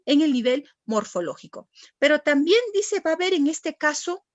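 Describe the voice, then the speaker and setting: A woman's voice: high voice, expressive, normal speed, no echo, muffled recording. A woman teacher, giving a classroom lecture and patiently asking the class questions and answering them herself.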